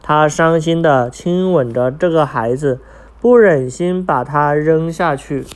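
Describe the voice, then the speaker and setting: A man reading a children's picture book aloud, pausing to ask his young listeners questions. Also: fairly high pitch. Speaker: storyteller.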